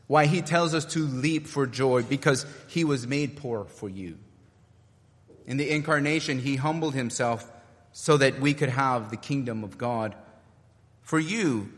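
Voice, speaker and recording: Higher-voiced male preacher in reverberant hall. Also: fairly bright tone. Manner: earnest, builds with rhetorical questions. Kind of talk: sermon.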